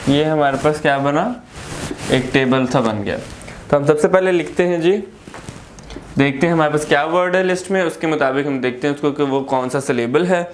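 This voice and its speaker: Slow-explaining Pakistani male teacher. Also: on the high side, slight background noise. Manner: explains slowly, repeating words and asking rhetorical questions. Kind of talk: classroom grammar lesson.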